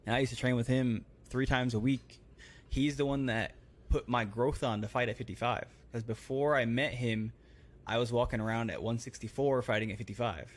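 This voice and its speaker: A man's voice: mid-range voice, steady tone, moderate pace. A man in his thirties, a guest on a podcast, chatting casually in short, matter-of-fact phrases. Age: 30s. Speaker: podcast guest, professional fighter. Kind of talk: casual chat.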